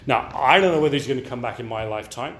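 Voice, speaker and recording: An elderly man from England preaches with energy, his mid-range voice moving at a racing clip. Rhetorical questions aimed at the audience punctuate his sermon.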